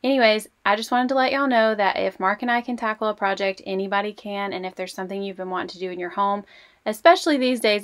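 A home vlogger chats casually and upbeat about a home project while indoors in a bedroom being painted, using "y'all" in her chatty way. Her voice is mid-range and a bit bright.

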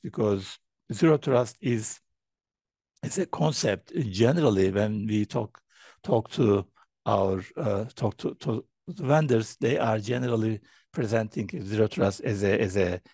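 A keynote speaker presents a conference talk remotely from an indoor room, picked up by a video call webcam. His lowish, dark-toned voice is animated but halting, full of fillers and repeated words, and the recording is dry.

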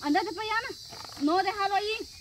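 A woman's voice: very high-pitched, fast. A woman playing a caring young woman. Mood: scolding. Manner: earnest, scolding and coaxing. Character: caring young woman scolding a rude sister. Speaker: actress in a family web drama. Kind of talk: amateur improvised drama. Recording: outdoor noise, crickets behind.

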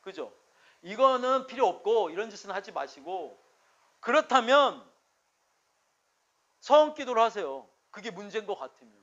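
A male pastor delivers a sermon in a strikingly high voice. His preaching is emphatic and conversational, with frequent rhetorical check-ins to the congregation. The recording sounds dull and lo-fi. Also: big pitch swings, normal speed, pauses often, fairly bright tone.

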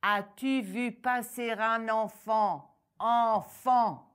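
A woman's voice: medium pitch, sing-song, takes it slowly. A woman storyteller voicing a sly, greedy one-eyed ogress who coaxes sweetly and then threatens. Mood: furious. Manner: sweetly coaxing turning menacing.

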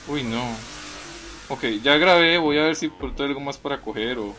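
A young man hosting a gameplay video, reacting with excited groans and exclamations while reading game text aloud in casual commentary. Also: mid-range voice, moderate pace. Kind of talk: casual let's-play commentary.

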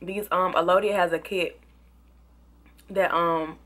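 A young woman reviewing products in a casual, excitable vlog, sometimes talking with food in her mouth. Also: lowish voice, slow. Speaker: beauty and product vlogger.

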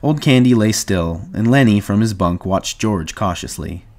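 A man narrating a novel aloud in a measured, even storytelling manner. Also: lowish voice. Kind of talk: audiobook reading.

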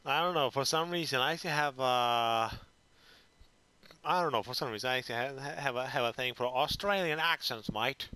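A man's voice: medium pitch, a little fast, clear, resonant tone. A man casually commentating a video game he is playing, frustrated and salty, muttering mild curses. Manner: frustrated, salty, mildly cursing. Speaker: gaming channel host. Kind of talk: casual let's play commentary. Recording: voice over loud game music.

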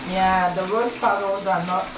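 A woman's voice: medium pitch, steady tone, measured pace, recorded from a distance. A woman vlogging from a bathtub during a photo shoot, chatting casually and giggling. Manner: giggly, playful. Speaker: vlogger in a milk bath shoot. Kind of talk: casual chat. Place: bathroom, in a bathtub. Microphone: action camera. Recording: echoey room from afar, with water noise.

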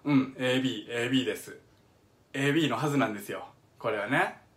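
Fast-talking in a fairly bright mid-range voice, the middle-aged Kansai-accented man explains music on a live stream from his kitchen at home. He chats eagerly, hums examples, and reads viewers' comments aloud, recorded through a phone or webcam.

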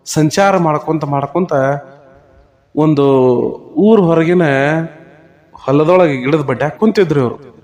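A man telling a devotional story, dramatic and lively. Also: fairly high pitch. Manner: dramatic, acts out the characters' pleas.

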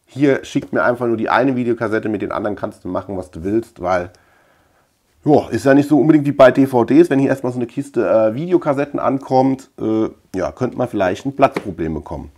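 Presenting his collection in a casual show-and-tell, a mid-pitched, middle-aged German man who collects videos and hosts a channel speaks informally and loosely. He circles back and repeats words as he rambles, in an indoor room with tape-lined shelves.

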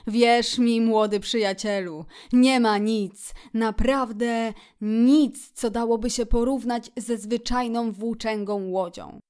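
A woman voicing a genial male water rat in a storybook reading, speaking in a grand, unhurried way and savoring each word. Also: on the high side, steady tone, a little mellow, clear, resonant tone. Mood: dreamy. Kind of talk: audiobook character voice.

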